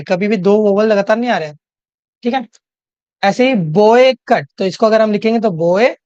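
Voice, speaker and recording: A woman's voice: medium pitch, a little mellow, no echo. A young woman with an Indian English accent, explaining an English exam lesson step by step and often checking in with her listeners. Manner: explains step by step, repeats "theek hai?" to check in; reads English questions slowly. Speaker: tutor. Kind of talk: exam-prep lecture in Hinglish. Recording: dry, slightly dull home recording.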